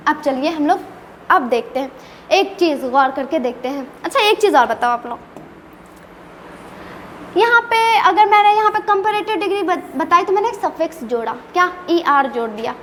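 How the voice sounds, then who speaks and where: Animated and speaking at normal speed, a woman in a very high, somewhat bright voice runs an English grammar class. She teases her students with playful scolding and frequent rhetorical questions, heard through long reverb and faint background noise.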